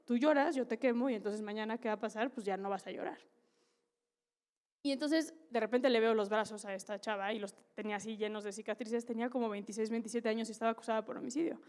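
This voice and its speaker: A woman with a Mexican Spanish accent, a conference speaker telling a story to an audience in a candid, lively way with slang and asides. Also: a little high. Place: conference stage in a large hall.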